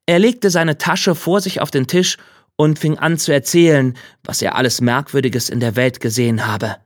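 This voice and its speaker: A man's voice: medium pitch, steady tone, moderate pace, dry recording. Man reading a fairy tale, dry sound. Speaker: storyteller. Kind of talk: fairy tale read aloud.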